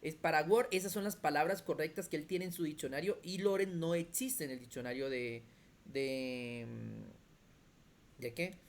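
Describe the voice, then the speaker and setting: In an online class, a computer skills teacher with a medium-pitched voice explains things step by step, often checking in with quick questions. While demonstrating on screen, the teacher thinks aloud and restarts sentences.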